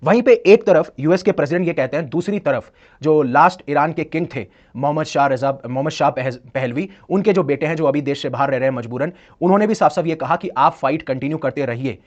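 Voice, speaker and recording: An exam-prep educator gives an explanatory current-affairs lecture, switching between Hindi and English phrases and asking rhetorical questions he answers himself. His voice is on the high side and a little mellow, his pace a little fast, and the audio dull.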